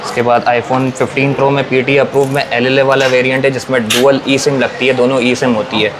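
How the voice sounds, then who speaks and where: Male Pakistani seller, mid-pitched and even-toned, repetitive price-list pitch, noisy room. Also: brisk. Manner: repetitive, salesman-like patter. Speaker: phone shop seller. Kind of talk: sales pitch listing models and prices. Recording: noisy room with clear background noise.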